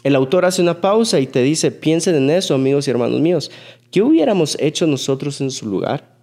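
Pastor guy, voice a bit high, earnest sermon storytelling, goes quiet and low at the heavy parts. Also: lively intonation, brisk. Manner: earnest storytelling, drops to a hushed low voice for emotional moments.

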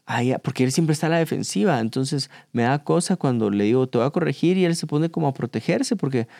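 A man co-hosting a faith-based parenting talk, giving advice in an animated, playful way. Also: medium pitch, quick pace, gravelly, no room sound, clean studio sound. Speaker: podcast co-host.

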